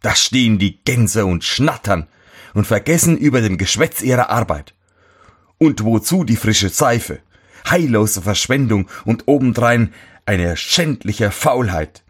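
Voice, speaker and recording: A man's voice: mid-range voice, very animated, a little slow, breathy edge, voice pushed up. A man reading a fairy tale and voicing a fussy, irritable old master shoemaker who scolds everyone around him. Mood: scolding, indignant. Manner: scolding, shouting complaints.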